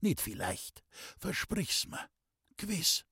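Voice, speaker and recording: A man's voice: mid-range voice, lively intonation, measured pace, creaky, darkish tone, slightly rough, no room sound, clean studio sound, exaggerated voice. A man voicing a weak, bedridden old man with a Bavarian accent, speaking faintly in an audiobook. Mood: weak, pleading. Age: older. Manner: faint, whispering.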